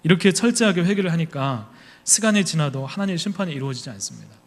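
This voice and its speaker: A man's voice: fairly high pitch, very animated, quick pace. A man preaching a sermon as a pastor, telling a personal story and acting out his own thoughts. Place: church sanctuary. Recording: reverberant church hall.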